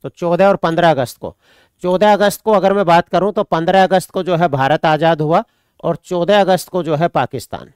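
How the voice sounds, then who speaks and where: A man's voice: high-pitched, steady tone, moderate pace, a little mellow, clear, resonant tone, dry recording, studio quality. A man from India, teaching an online exam-prep class. He repeats points, dictates notes and answers students' questions.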